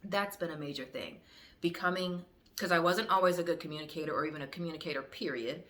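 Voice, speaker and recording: A woman's voice: deep voice, quick pace, fairly bright tone. A young adult woman vlogger talking candidly to the camera, frank and direct, with fillers and restarts. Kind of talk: candid reflective talk to camera.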